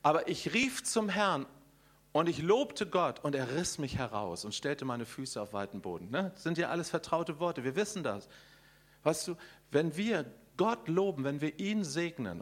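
A middle-aged man preaching to a congregation, his voice sitting a little higher than most men's. He swings between ringing, emphatic lines and sudden hushed stretches, and keeps throwing questions out to the listeners. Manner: animated, swings from loud emphasis to hushed quiet; addresses the congregation directly with questions. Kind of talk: sermon.

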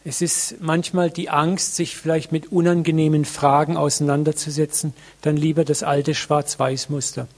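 A man preaching a sermon to a congregation, earnest and reflective, with many pauses, addressing listeners directly. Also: on the high side, flat delivery, darkish tone.

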